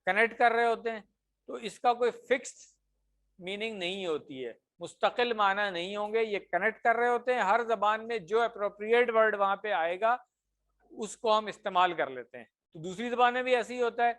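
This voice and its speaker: A man teaching a class that is also followed online. He explains patiently, checks often that students follow, and slows down on example phrases. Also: sits high, fairly bright tone.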